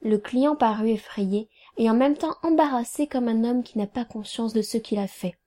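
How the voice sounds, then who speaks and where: Calm woman narrating a novel. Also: fairly high pitch, moderate pace. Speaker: audiobook reader. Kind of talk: novel read aloud.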